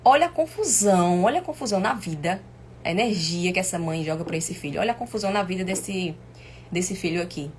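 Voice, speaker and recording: A woman with a Brazilian accent and an inflamed, sore throat hosts a family constellation live stream, teaching viewers informally in an emphatic, didactic style and repeating her points. Her lowish, slightly mellow voice has lively intonation and runs a little fast, with clear background noise.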